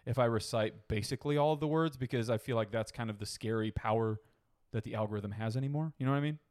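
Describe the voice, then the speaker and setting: A man's voice: medium pitch, quick pace, darkish tone, no room sound, clean studio sound. A man co-hosting a podcast in casual chat, playful and goofy, often laughing. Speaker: podcast co-host.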